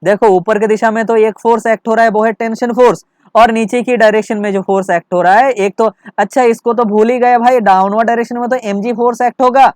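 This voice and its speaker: A man's voice: high-pitched, steady tone, fast talker, no room sound. A male physics teacher working through a problem for students, repeating his checks, asking rhetorical questions and mixing in English terms. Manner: mixes English terms into Hindi.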